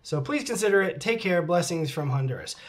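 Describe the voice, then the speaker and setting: His voice sits high, animated and fairly quick. The middle-aged host is at home with his cat, casually working through fan comments and questions, often laughing and trailing off into muttered side remarks.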